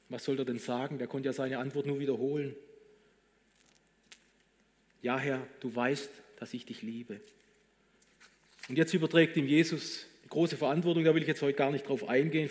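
A man preaching a sermon and praying aloud, earnest, moving between emphatic lines and hushed ones. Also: a little high. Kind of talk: sermon with spoken prayer. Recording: long reverb of a large hall.

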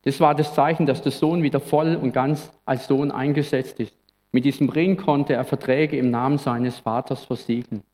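Pastor preaching under long reverb. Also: male voice, medium pitch, fairly even intonation, normal speed, a little mellow. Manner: earnest, reflective, sometimes conversational. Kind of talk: Christmas sermon.

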